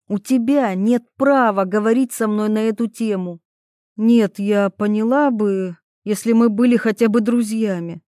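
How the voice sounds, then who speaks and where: A woman's voice: unhurried, no room sound, clean studio sound, close to an everyday voice. A woman doing a fiery, mocking young woman. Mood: heated, mocking. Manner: high, loud, mocking retorts. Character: sharp-tongued young woman, quick to boil.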